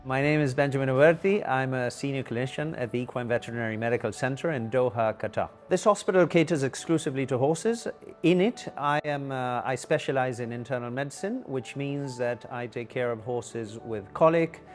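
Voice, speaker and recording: A middle-aged man from Argentina talks through his veterinary work in a measured, explanatory way, pausing with the odd filler. Faint music sits beneath his voice. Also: mid-range voice. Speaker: equine veterinarian. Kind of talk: documentary interview.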